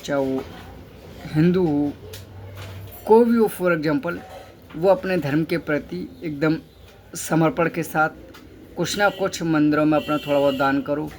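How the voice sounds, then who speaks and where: A man's voice: a little high, unhurried, a little hiss or hum. Man giving earnest motivational advice. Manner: instructive, asks himself questions and answers them; repeats key phrases for emphasis. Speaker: motivational speaker.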